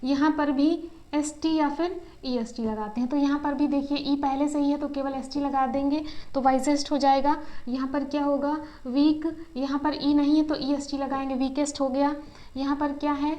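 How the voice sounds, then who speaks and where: High-voiced woman teaching grammar. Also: little pitch movement, mellow, lo-fi sound. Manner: asks questions and answers them herself; slow, syllable-by-syllable word spelling. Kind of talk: classroom-style lesson.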